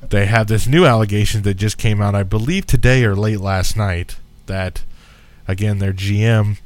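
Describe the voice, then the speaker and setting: Laid-back low-voiced radio host guy. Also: normal speed, dry recording. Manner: easygoing, chatty, laughs often, many fillers. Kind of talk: casual radio chat.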